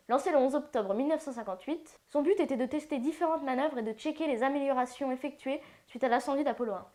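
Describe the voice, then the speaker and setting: A woman narrating a casual educational video, with playful slangy asides. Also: sits high. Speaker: science channel narrator.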